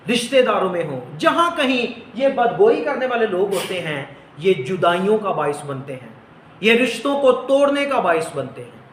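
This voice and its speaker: A man teaching a Bible lesson, slowly repeating phrases so his students can write them down. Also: sits high, slight background noise. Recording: echoey room.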